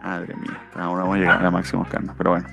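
A man co-hosting a casual comics podcast, rambling and filling pauses with hesitations. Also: deep voice, completely flat delivery, gravelly, over loud music. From not from Mexico, now naturalizing. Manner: rambling, many "este" fillers. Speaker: podcast co-host. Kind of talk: casual chat about comics.

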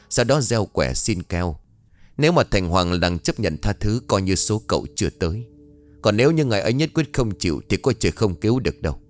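A man voicing a stern, gruff old village sorcerer in a ghost story. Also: low voice. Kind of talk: audio ghost story reading.

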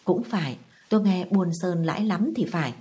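A proud old lady of rank, voiced by a woman reading a storybook, formal and probing behind a show of friendliness. The voice is low and mellow. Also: lively intonation, moderate pace, husky. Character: elderly mandarin's widow, proud, scheming mother.

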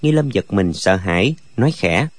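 A man reading a martial-arts novel aloud as a narrator, with expressive storytelling. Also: lowish voice, normal speed, no room sound. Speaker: audiobook narrator. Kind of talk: scripted narration.

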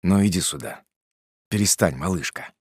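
A man voicing a guilty young man calmly ending his engagement, speaking quietly and firmly. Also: sits low, normal speed, slightly rough, dry recording, clean studio sound. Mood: subdued, firm.

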